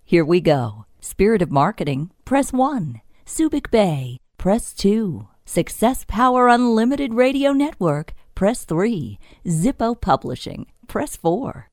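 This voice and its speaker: A woman voicing polished, cheerful phone system greetings and menu prompts, clearly enunciated, on a close studio mic. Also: mid-range voice, big pitch swings, takes it slowly, hardly any pauses, darkish tone, no echo. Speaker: phone system voice-over artist. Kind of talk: scripted phone greeting demo reel.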